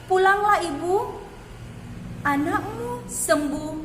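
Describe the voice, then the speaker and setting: Brief: gentle, measured male teacher, voiced by a woman storyteller, slow, in an echoey room. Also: extremely high pitch, lively intonation, slight background noise, voice pushed up, heavily acted. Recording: echoey hall, faint ambience.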